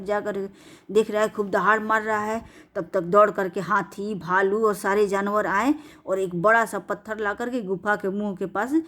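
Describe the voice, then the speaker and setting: Woman telling a chatty bedtime story. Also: mid-range voice. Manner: chatty, with restarts and explanatory asides. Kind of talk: casual bedtime story narration.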